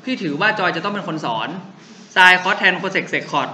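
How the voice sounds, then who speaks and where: A young man lectures on physics and breaks up every explanation with quick rhetorical questions. His voice sits high and sounds very bright. Faint noise hums behind him. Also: lo-fi sound. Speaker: physics tutor. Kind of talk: classroom lecture.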